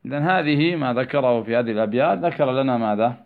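A man's voice: mid-range voice, expressive, creaky. A man teaching tajweed, drawing out words and asking rhetorical questions that he answers himself, repeating key terms. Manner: slow, drawn-out phrasing. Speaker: Quran recitation teacher. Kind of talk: tajweed lesson, explaining verses of a poem. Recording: tinny phone-like recording.

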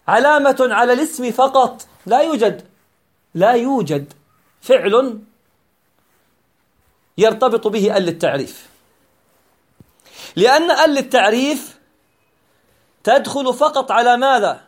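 High-voiced man teaching grammar. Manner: patient, repeats key points, asks and answers his own questions. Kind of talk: explanatory grammar lesson.

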